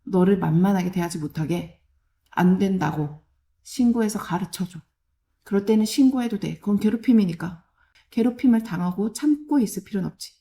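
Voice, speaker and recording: A woman speaks straight to children and their parents, firm but caring, in short clear commands. Her tone is mellow and warm, with an ordinary pitch for a woman. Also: moderate pace. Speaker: child counselor giving advice. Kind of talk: direct advice talk to children and parents.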